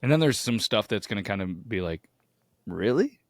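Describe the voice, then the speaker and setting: A man with a hoarse, grating voice from too much yelling, chatting casually as a podcast co-host. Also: on the low side, animated, fast, dry recording, studio quality.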